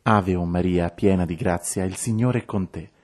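A man with a very low voice recites the rosary in steady, measured turns. His delivery is calm and devotional.

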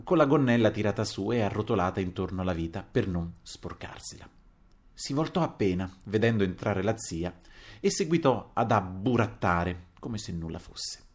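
A man narrating a novel as an audiobook, in an expressive, dramatic reading. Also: on the low side. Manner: expressive, dramatic reading with wide swings in loudness.

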